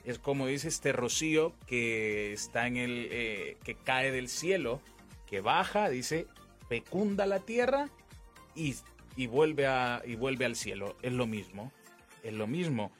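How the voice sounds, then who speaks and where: Slow and expressive, a young man in his 20s speaks as a priest in a casual religious conversation, his mid-range voice a little bright. He explains with emphasis and repeated phrases while music plays in the background.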